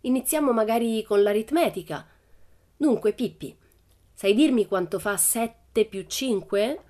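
A woman's voice: fairly high pitch, unhurried, darkish tone, voice pushed up, close to an everyday voice. Woman voicing a prim, patient schoolteacher. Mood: instructive. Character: patient, prim female schoolteacher, middle-aged.

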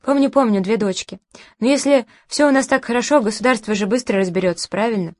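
A caustic, challenging man who hosts the party, full of sour irony, as a woman narrator reads him. The voice sits fairly high and comes across close and dry, with no room sound. It has the feel of a literary audiobook. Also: fast, darkish tone, dry recording, natural voice. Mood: bitter, caustic. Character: bitter sardonic middle-aged man, the host of a party.

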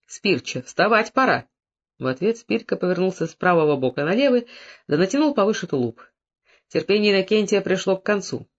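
A man narrating a novel in a measured, descriptive audiobook reading. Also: high voice, big pitch swings, lo-fi sound. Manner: measured, descriptive, plays every character.

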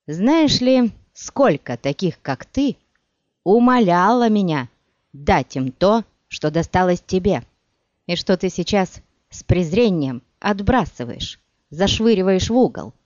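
A woman voicing a proud, scornful sorceress who speaks in a sharp, biting, mocking way, in an audiobook. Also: on the low side, very animated, unhurried, no room sound. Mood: furious. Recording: dull dry recording.

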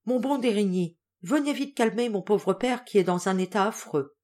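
A woman's voice: medium pitch, normal speed, warm tone, natural voice. A woman voicing an anxious, devoted grown daughter in an audiobook, speaking earnestly. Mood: gentle. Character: anxious loving adult daughter, a lady.

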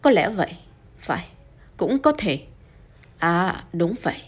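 A woman's voice: fairly low pitch, lively intonation, unhurried, breathy edge. A woman voicing a distracted, hesitant male detective in an audiobook. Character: dreamy middle-aged male detective, hesitant.

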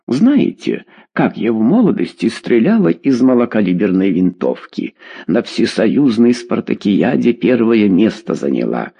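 A man reading a story aloud, voicing a nosy, sharp-eyed old woman neighbor who boasts about herself. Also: lowish voice, gravelly, slightly rough, heavily acted. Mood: boastful. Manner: fussy, boastful.

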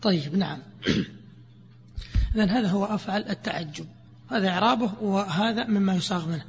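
A man gives a grammar lesson in a fairly high voice. He asks his own questions and answers them himself, repeating each example slowly. The recording is dull and lo-fi, with long echo from a lecture hall. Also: gravelly. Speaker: teacher of Arabic grammar. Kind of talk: classroom explanation of grammar.

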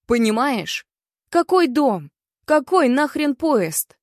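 A woman's voice: sits high, big pitch swings, slow, darkish tone, no echo, clean studio sound, heavily acted. A woman voicing an angry young man who swears and snaps in short bursts in a story reading. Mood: furious. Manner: curt, swearing outbursts. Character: angry young man, blunt and hot-tempered.

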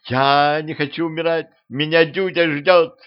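Hot-headed vampire girl, voiced by a male reader, sharp and panicky, dull lo-fi sound. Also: lively intonation, normal speed, husky. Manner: shrill and panicky. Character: hot-tempered young female vampire girl.

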